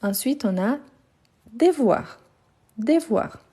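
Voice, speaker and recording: A woman teaches French in a live online lesson on her phone, slowly repeating each verb. With a mellow, medium-pitched voice, she confirms her students' answers with patient approval.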